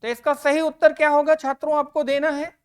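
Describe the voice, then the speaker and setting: Speaking in a high voice with a level tone, a female teacher gives an exam-prep grammar lesson. She moves deliberately and slowly, emphasizing and repeating every answer word for the students.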